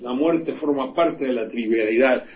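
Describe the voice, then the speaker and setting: A man's voice: medium pitch, a little slow. A man, hosting a radio commentary show, delivering indignant political criticism full of scornful rhetorical questions and profanity. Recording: dull lo-fi radio recording, faint hiss.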